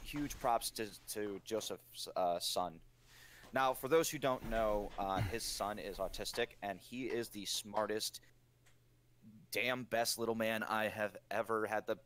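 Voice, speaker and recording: A man's voice: fairly low pitch, a little slow, fairly bright tone, slight background noise. A man chatting casually on a podcast, telling stories with enthusiasm. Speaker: podcast co-host. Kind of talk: casual chat.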